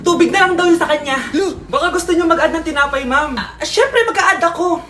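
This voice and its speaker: A woman's voice: very high-pitched, fairly quick. A woman performing comedy skits, switching between mother and child roles in Taglish banter.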